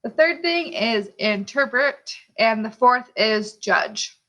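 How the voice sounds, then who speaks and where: A woman's voice: fairly high pitch, expressive, slow pace, sharp tone. A woman giving an instructional lesson like a teacher, posing questions to the listener and checking in with small tags as she explains. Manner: rhetorical questions, checking in with "okay". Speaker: art teacher.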